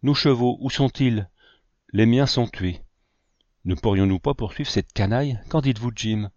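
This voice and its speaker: A man's voice: medium pitch, normal speed, a little mellow, dry recording, dull audio, close to an everyday voice. A man reading as a grieving old settler. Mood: distraught. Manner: anguished pleading exclamations. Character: old male settler, grief-stricken and devout.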